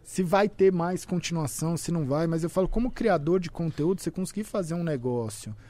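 Talking a little fast in a highish, dark-toned voice, this young content creator is a podcast guest in casual conversation, his speech loose and packed with fillers.

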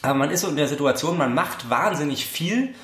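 A young man in his twenties co-hosting a podcast, talking in a rambling, ironic, deadpan way. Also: fairly high pitch, a little fast. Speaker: podcast co-host. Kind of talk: casual chat. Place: friend's flat. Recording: roomy room sound.

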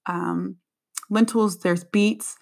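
A woman's voice: medium pitch, very slow, gravelly. Chatty laughing young woman host. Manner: chatty, laughing, animated asides. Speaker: podcast host. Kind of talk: casual solo chat.

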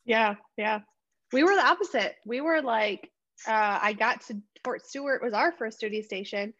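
A woman co-hosting a podcast, lively and chatty. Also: fairly high pitch, normal speed, muffled recording. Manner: lively, chatty, laughs often. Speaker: podcast co-host. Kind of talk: casual podcast chat.

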